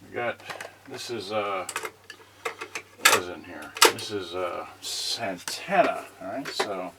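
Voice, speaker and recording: His voice is low and animated, and he takes his time. This man, host of an electronics unboxing channel, rambles through an unscripted, casual unboxing, thinking aloud and often trailing off, captured in a noisy home video with clicks.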